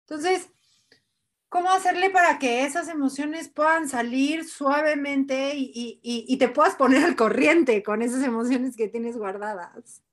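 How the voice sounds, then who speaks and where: A woman podcast host, talking in a chatty, animated way and thinking aloud as she asks her guest a question. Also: sits high, normal speed. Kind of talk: casual chat.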